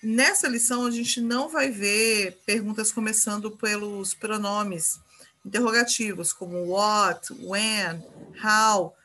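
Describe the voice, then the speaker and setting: Brazilian woman teaching English slowly. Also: mid-range voice, steady tone, bright, forceful tone. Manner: patient, repeats example phrases slowly, often checks with "né?". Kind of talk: classroom grammar lesson.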